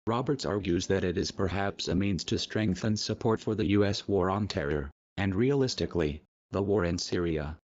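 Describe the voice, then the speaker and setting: A man reads a scripted protest message in a solemn, measured, declamatory style, his voice disguised and artificially deepened. It sounds a little mellow, with no room sound, on a muffled recording.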